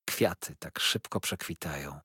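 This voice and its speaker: Deep, husky male audiobook narrator. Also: a little slow, sharp tone, dry recording, clean studio sound. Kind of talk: scripted narration of a novel.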